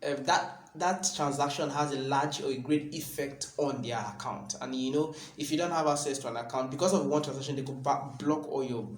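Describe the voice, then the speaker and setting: A man's voice: mid-range voice, brisk, few pauses, echoey room, a little hiss or hum. A Nigerian man explaining real estate advice in an earnest video talk. He often repeats words and ends points with "right?".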